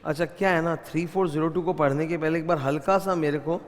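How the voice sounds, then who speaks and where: A man with an Indian English accent gives an exam revision lecture on auditing. He keeps quizzing his students and slips between Hindi and English. His voice sits fairly high, and a long reverb trails after it. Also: fairly even intonation, fast talker. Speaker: audit teacher.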